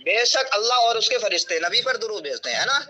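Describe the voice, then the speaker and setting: A man's voice: sits high, expressive, sharp tone, slight background noise. A man in a heated religious debate who keeps protesting and asking questions back in defense.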